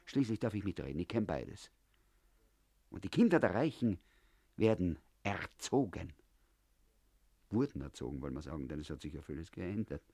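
A man's voice: sits low, big pitch swings, moderate pace, long pauses, warm tone, husky, no room sound, studio quality. A man reading a first-person story aloud in a confiding tone, as if talking to an old comrade. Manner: confiding, addressing the listener as comrade. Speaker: audiobook narrator. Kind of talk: first-person literary narration.

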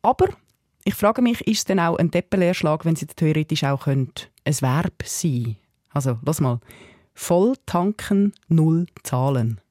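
A woman with a Swiss German accent, presenting a relaxed radio conversation in a playful way, quick to joke about words. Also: deep voice, dry recording, studio quality. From Switzerland. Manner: playful, quick to laugh at word jokes.

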